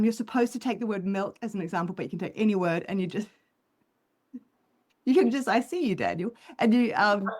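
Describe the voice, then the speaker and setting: A clinical psychologist appears as a guest on a relaxed podcast over a video call, talking through ideas with many ums and restarts. She has a mid-range voice and a New Zealand accent overlaid with Australian tones.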